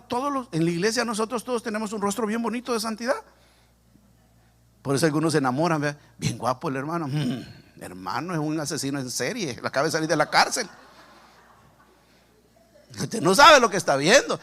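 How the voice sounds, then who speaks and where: Speaking at a moderate pace with long pauses and a voice on the high side, a Salvadoran pastor from El Salvador preaches in the sanctuary. His sermon weaves in his own story with humor, and he addresses the congregation directly and animatedly.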